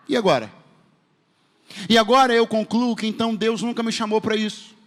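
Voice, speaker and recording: Brazilian preacher, high voice, fervent call-and-response sermon, long church echo. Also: male voice. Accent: Brazilian Portuguese. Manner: fervent preaching with rhetorical questions to the congregation. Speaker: pastor. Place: church sanctuary. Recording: long hall reverb in a church.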